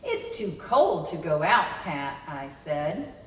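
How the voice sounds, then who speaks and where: Low-pitched and sing-song, a storytime host reads slowly to children, expressive and addressing them directly. A distant microphone catches her in an echoey, roomy space, along with some noise.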